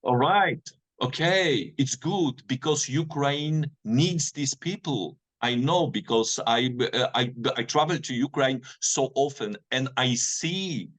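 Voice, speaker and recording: Slow, halting man with a Polish accent. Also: medium pitch, a bit bright. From Poland. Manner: halting, hesitant delivery with frequent "yeah?" tags. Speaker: war correspondent being interviewed. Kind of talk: unscripted interview answers.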